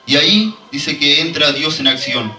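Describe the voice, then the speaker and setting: A man's voice: a little high, lively intonation, normal speed, bright, forceful tone, roomy sound, distant mic, faint music behind, rough recording. A man preaching a fervent sermon and drawing call-and-response from the congregation. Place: church hall.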